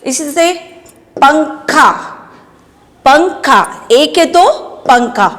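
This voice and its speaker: Slow, patient woman teacher, echoing room. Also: high voice, animated, a bit bright. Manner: patient, repeats questions and answers for children. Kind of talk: primary school Hindi lesson.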